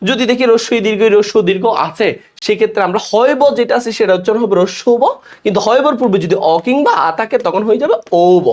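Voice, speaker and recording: A young male teacher with a Bangladeshi Bengali accent, talking fast and with a high, lively voice. He goes through each step and keeps asking his students questions. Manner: explains step by step, often asks students questions. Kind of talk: classroom lecture.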